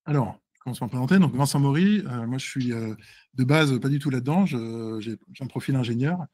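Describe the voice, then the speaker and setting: A husky, slightly breathy man in his forties leads a seminar in front of an audience. He speaks fast but hesitates often, filling gaps and restarting his phrases, and often stops to check that everyone is following. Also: medium pitch, darkish tone. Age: 40s. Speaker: seminar presenter and author. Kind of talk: live seminar talk to an audience.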